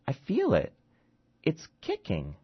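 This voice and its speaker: A man's voice: mid-range voice, huge pitch swings, slow, slightly rough, voice pushed up, heavily acted. A man voicing a frantic young woman in labor who pleads and screams, in a dull lo-fi recording. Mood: dreamy insistent.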